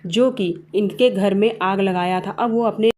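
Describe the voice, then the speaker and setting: A woman's voice: medium pitch, a little slow, warm tone, slight background noise. A woman narrating a family moral story in a plain, simple storytelling way.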